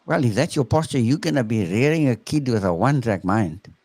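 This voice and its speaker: A man's voice: mid-range voice, expressive, brisk, darkish tone, dry recording. A man from South Africa, a teacher, talking reflectively and emphatically, often checking in with "right?". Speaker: teacher and speaker. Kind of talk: reflective conversational talk.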